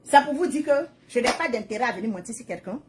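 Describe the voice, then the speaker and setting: Over a noisy background, a woman with a fairly high, animated voice talks fast to her followers in a live video. She's an adult mother giving a casual monologue that is emphatic, repetitive and increasingly prayerful and preachy.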